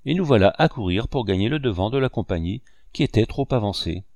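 A man narrating a first-person memoir in a steady, measured way. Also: lowish voice, dry recording, studio quality. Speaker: audiobook reader.

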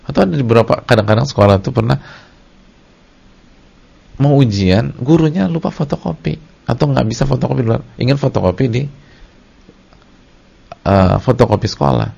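A middle-aged man, an Islamic preacher giving a lecture to his congregation in a lively, storytelling way. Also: medium pitch, fairly quick, long pauses. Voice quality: gravelly, husky. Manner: lively storytelling, acts out short scenes. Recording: dull lo-fi lecture recording.

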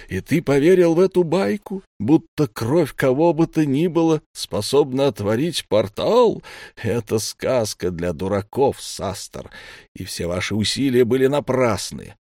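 Man doing a lofty male god, slow measured speech, regretful, low voice, dry sound. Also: darkish tone, no room sound.

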